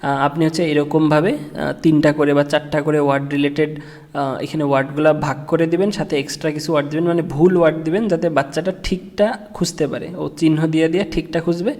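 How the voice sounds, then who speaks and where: Halting man teaching in a reverberant room. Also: a little high, fairly even intonation, a little mellow. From Bangladesh. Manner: halting, many fillers and restarts. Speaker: online tutorial instructor. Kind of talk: casual screen-share tutorial.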